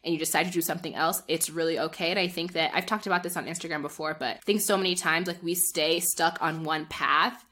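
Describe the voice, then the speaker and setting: A low-pitched woman, talking as a guest on a podcast. Her voice has a sharp, forward brightness, and she thinks aloud in a relaxed, reflective way with plenty of fillers. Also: quick pace, few pauses. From United States. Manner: reflective, frequent filler words. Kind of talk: casual conversational interview.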